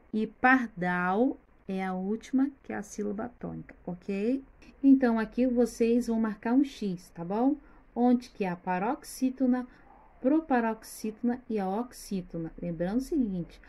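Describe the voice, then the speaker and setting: A woman's voice: medium pitch, darkish tone. A woman with a Brazilian Portuguese accent, a primary school teacher giving a recorded remote lesson, who patiently stretches out words and speaks straight to the children. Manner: patient, slowly spells out words and addresses the children directly.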